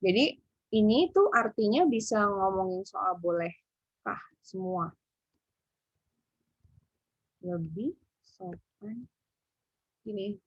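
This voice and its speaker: A woman tutors English over a video call, pausing often and thinking aloud as she explains. Her voice is husky and sits at a middle pitch. The sound is dry and dull, as on a call. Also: no echo. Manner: hesitant, thinking aloud with many fillers. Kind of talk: online English lesson. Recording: muffled video call audio.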